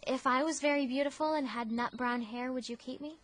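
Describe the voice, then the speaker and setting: A woman's voice: high voice, brisk, no room sound. A woman playing Anne Shirley, an effusive orphan girl. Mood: earnest. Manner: breathless, effusive, theatrical. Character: talkative imaginative orphan girl, dramatic, romantic. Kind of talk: audio drama acting.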